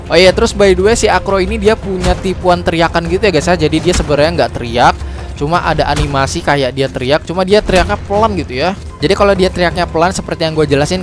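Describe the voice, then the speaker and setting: Over music, a chatty young man with a slightly high voice walks viewers through a game on his gaming channel. He keeps saying "guys," apologizes fast, and laughs whenever he slips up.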